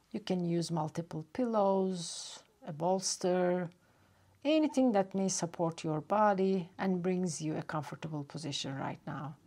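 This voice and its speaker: A woman at medium pitch teaches yoga nidra, leading a guided relaxation meditation. She speaks gently and slowly, pausing for long stretches.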